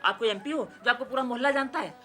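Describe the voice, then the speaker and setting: A man's voice: very high voice, rapid-fire. An actor playing a stammering, whiny young man, the wife's brother, in a TV sitcom, stuttering and cheeky. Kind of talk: TV sitcom acting.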